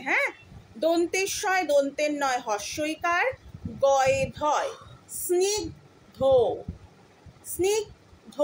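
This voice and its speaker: High-voiced teacher reciting and explaining. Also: female voice, slight background noise, rough recording. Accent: West Bengal Bengali. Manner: slow, sing-song poem recitation and patient explanation. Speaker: primary school teacher. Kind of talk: recited poem and explanation for children.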